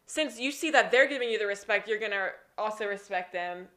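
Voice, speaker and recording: A woman's voice: mid-range voice, a little fast, sharp tone. A woman speaking as a guest on a podcast in casual chat, hesitant with many fillers.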